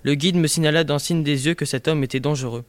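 A man playing a curious, easygoing gentleman traveler in a read-aloud drama, polite and measured. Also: on the high side, steady tone, lightly acted.

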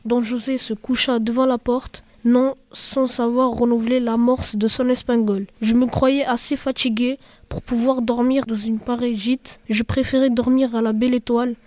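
A woman narrating an audiobook drama in a steady, even storytelling manner. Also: a little high, moderate pace.

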